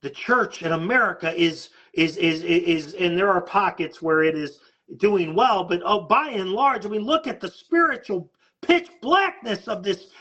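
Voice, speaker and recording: A man's voice: high voice, lively intonation, measured pace, pushed and bright, highs cut off. A man preaching a sermon as a pastor, urgent and emphatic, often repeating words as he pushes his point.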